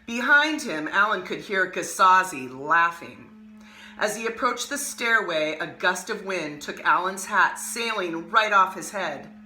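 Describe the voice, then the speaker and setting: A woman hosting an art lesson, reading a picture book aloud with expressive, animated storytelling and casual asides. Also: mid-range voice, measured pace, echoey room. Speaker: art teacher and host.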